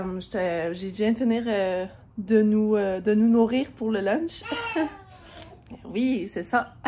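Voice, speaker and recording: A young woman with a Quebec French accent chatting casually to her vlog camera at home, rambling along with lots of fillers and little laughs. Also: mid-range voice. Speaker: vlogger.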